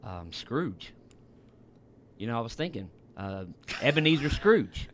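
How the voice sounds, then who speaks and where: A man's voice: mid-range voice, sing-song, a little slow, slight background noise. A man co-hosting a podcast in casual joking banter, teasing and laughing often. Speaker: podcast co-host. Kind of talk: casual chat, outtakes.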